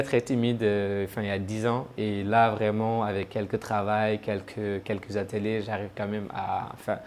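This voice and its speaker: A man's voice: fairly low pitch, darkish tone. A man from Senegal talking casually to camera about himself, chatty and joking at his own expense. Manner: chatty, joking, self-mocking. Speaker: travel vlogger.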